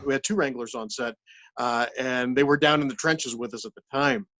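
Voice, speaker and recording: A man talking casually as an interview guest, halting and repeating words as he searches for the next one. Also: medium pitch, fairly bright tone. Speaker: puppeteer and voice actor, interview guest.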